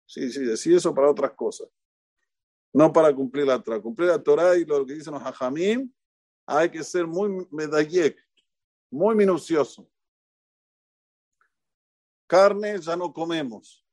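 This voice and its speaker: Argentine rabbi guy preaching to his congregation, bit high voice, jokes and asks the crowd stuff, dry sound. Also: dry recording. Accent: Argentine Spanish. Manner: lively, jokey, questions the audience, repeats for emphasis. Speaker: rabbi giving a Torah talk. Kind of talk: informal sermon to a congregation. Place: synagogue.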